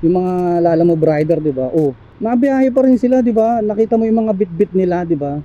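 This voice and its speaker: A Filipino delivery rider vlogs casually to viewers from the streets in a high, animated, fairly quick voice that is mellow, with the highs cut off. He chats, laughs often, tacks little tag questions onto his sentences, and apologizes with a joke.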